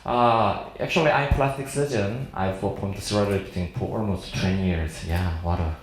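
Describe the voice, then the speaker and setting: This is a South Korean plastic surgeon in his 40s, a native Korean speaker, lecturing informally at a medical seminar. His lowish voice carries a Korean accent and halting, non-fluent, jovial English with frequent chuckles. The recording comes from an echoey indoor seminar room with slight background noise.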